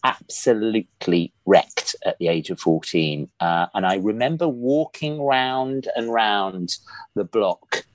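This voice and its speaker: A man's voice: fairly low pitch, takes it slowly, dry recording. A man with an English accent from Oxford, a podcast guest telling stories in casual chat with plenty of hesitations. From England. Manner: chatty storyteller with hesitations.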